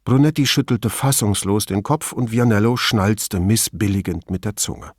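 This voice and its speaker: A man narrating an audiobook in a measured, expressive storytelling manner. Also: lowish voice, no room sound, studio quality. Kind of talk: scripted narration.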